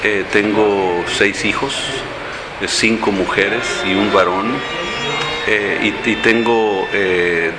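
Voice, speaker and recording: A man's voice: on the low side, fairly even intonation, takes it slowly, over loud music. An older man, a mayoral candidate, answering interview questions in a café, hesitating with many fillers and restarts. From born in San Antonio, Texas, raised in Mexico and Central America. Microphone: handheld recorder held close.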